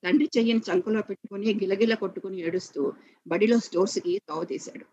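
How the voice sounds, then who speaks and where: A man narrating a story slowly and with feeling, in a muffled lo-fi recording. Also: high-pitched, mellow. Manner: slow and measured, with emotional emphasis.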